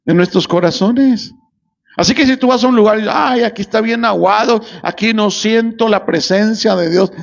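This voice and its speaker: Pastor guy preaching, high voice, takes his time, asks then answers, wants amens. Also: muffled recording. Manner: asks rhetorical questions and answers them himself; calls for amens from the congregation. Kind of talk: sermon.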